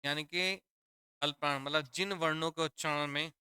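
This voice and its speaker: Bright, crisp-voiced man teaching a class. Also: on the high side, steady tone, normal speed, no echo, studio quality. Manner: repetitive, quizzing students with questions; addresses students as children. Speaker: Hindi teacher. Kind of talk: classroom lesson on grammar.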